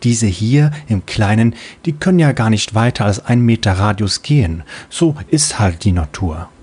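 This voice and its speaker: A man's voice: lowish voice, expressive, normal speed, darkish tone, slightly rough. A man voicing a patient mother who explains things in a soothing, doting way.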